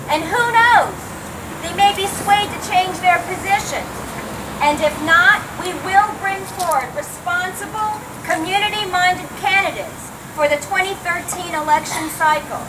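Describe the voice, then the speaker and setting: A woman speaks through a megaphone at an outdoor rally, her very high voice stirring and declamatory. She is heard from some way off, with clear background noise around the amplified sound. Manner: rousing, declamatory. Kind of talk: prepared rally speech. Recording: distant megaphone outdoors, noisy.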